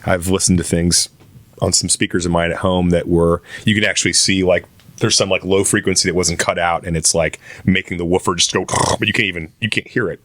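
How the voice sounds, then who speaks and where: A man's voice: deep voice, steady tone, fairly quick, a bit bright, dry recording. A man born in Indiana, rambling in casual interview chat with restarts and self-deprecating asides.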